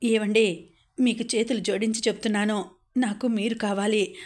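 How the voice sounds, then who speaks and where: A woman's voice: medium pitch, steady tone, moderate pace, darkish tone, natural voice. A woman reading aloud voices a young wife who pleads with her husband through tears in a storybook. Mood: pleading. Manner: pleading, reproachful. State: crying. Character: young neglected wife, tearful and hurt.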